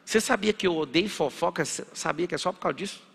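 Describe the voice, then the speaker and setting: Punchy and fast, this Brazilian Portuguese-accented motivational speaker rattles off rhetorical questions and acts out dialogues. His high-pitched voice is fairly bright and slightly rough with vocal fry, set in a hall with a long, echoey reverb.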